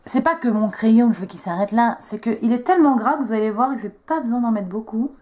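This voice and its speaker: Expressive and fairly quick, a young woman's slightly high, a little mellow voice carries this casual makeup tutorial. As a beauty vlogger, she's chatty and self-mocking, talking her viewers through every step.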